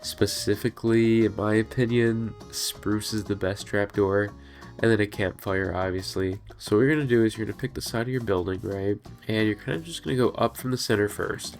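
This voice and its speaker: Brisk and creaky, a low-voiced gaming video creator talks through a building tutorial over gameplay in a relaxed, chatty manner, his nose congested and stuffy from allergies. Faint music plays behind him.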